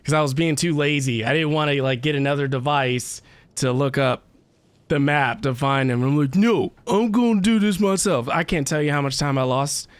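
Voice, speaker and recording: With video game music in the background, this livestream host plays a game and chats casually to viewers, wandering through his thoughts out loud. He has a smooth, somewhat high voice at a moderate pace, and there's no room sound.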